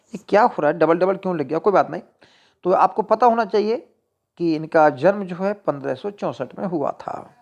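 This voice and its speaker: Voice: medium pitch, moderate pace, vocal fry, a little mellow, lo-fi sound. A teacher giving an exam-prep lecture, reading each question and its options aloud and then explaining the answer in Hindi with English literary terms mixed in.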